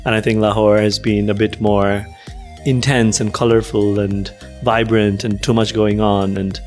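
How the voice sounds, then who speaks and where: A young man from Nepal with a lowish voice answers interview questions in a thoughtful, hedging way. He leans on fillers as he works through his points, and faint music plays under the recording. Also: little pitch movement, measured pace, darkish tone. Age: young adult. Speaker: interview guest, researcher.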